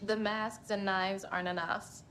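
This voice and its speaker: A woman's voice: medium pitch, level tone, a little slow, a bit bright, a little hiss or hum, close to an everyday voice. An actress playing a sardonic female true crime writer in a video game, speaking with dry wit. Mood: wry.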